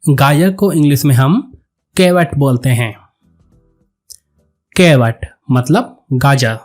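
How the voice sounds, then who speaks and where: A man teaching a vocabulary lesson, saying each word and then repeating it slowly and deliberately. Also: medium pitch, darkish tone, faint music behind. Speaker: English teacher.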